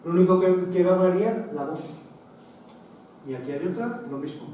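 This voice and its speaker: A man's voice: high-pitched, animated, moderate pace, dark tone. A man giving a conversational public lecture with slides, digressive and full of restarts and asides. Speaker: lecturer on military history. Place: association meeting hall, indoors. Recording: echoey hall, distant mic, faint noise.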